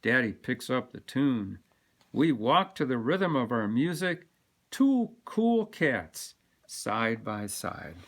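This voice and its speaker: A storybook reader with a medium-pitched voice, this man reads a children's picture book aloud, deliberate and expressive in his delivery.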